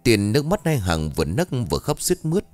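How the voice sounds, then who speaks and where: A man narrating a ghost story with dramatic, expressive delivery. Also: mid-range voice, fast. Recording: soft background music.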